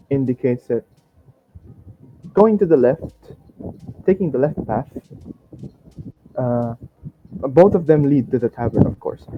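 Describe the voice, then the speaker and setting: A man running a tabletop game as game master, laid-back, laughing often and fumbling through his notes. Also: medium pitch. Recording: dull lo-fi sound with faint noise.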